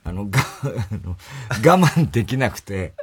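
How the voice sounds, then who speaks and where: Husky-voiced man telling a lively story. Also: fairly low pitch, unhurried. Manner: storytelling, acting out others' lines with laughs. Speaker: radio show co-host. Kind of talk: casual late-night radio chat. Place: radio studio.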